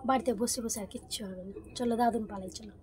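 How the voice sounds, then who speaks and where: Hoarse, high-pitched young woman ranting. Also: steady tone, fast, slight background noise. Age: early 20s. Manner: complaining, rising to loud exasperated outbursts. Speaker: vlogger. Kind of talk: casual vlog rant.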